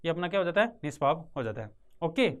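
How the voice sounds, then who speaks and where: A man's voice: fairly high pitch, sing-song, quick pace, clear, resonant tone. A man with a Rajasthani Hindi accent teaching an English vocabulary class for exam prep. He repeats each word and asks and answers his own questions, recorded on a close mic in a classroom or studio with a writing board.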